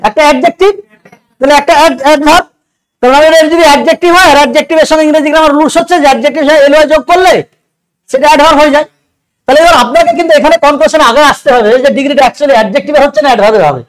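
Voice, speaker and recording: A male grammar teacher talks through exam questions at a quick clip, in a voice pitched strikingly high. He keeps turning to rhetorical questions as he explains each step. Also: poor audio. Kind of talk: exam doubt-clearing lecture.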